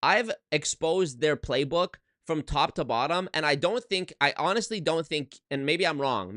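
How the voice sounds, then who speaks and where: A YouTuber in his twenties livestreams casually from his one-bedroom apartment into a desk microphone, in a medium-pitched, slightly bright voice with clean, echo-free studio sound. He is emphatic and swears, often restarting his sentences.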